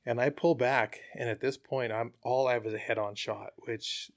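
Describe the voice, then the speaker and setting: A man's voice: medium pitch, moderate pace, no echo. Chatty man, dry close sound. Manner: relaxed, chatty, with frequent fillers. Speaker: hunter, interview guest. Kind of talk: casual storytelling.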